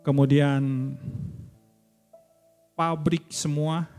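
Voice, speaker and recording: A man's voice: flat delivery, extremely slow, darkish tone, faint music behind. A middle-aged man, preaching a sermon as a church elder and telling his own story with emotional, fervent swells. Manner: emotional storytelling, rising to fervent high peaks. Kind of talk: sermon with personal testimony.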